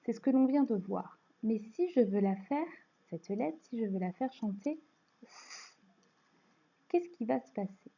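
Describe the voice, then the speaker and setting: Woman, French accent, primary teacher, patient slow explaining, husky mellow voice, dull lo-fi sound. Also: on the high side, lively intonation. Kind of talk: phonics lesson. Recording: dull lo-fi recording.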